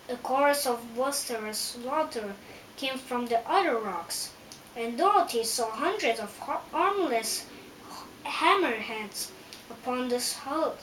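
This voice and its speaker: A woman's voice: high-pitched, a bit bright. A woman narrating a storybook aloud, careful and with frequent small slips and restarts. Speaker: audiobook reader. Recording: roomy, distant, faint hiss.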